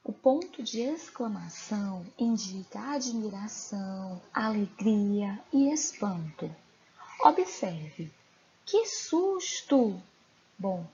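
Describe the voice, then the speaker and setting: Slow, clear schoolteacher woman. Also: a little high, darkish tone. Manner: slow, clear, questioning pupils directly. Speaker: teacher. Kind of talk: recorded online class lesson. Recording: dull lo-fi recording, faint noise.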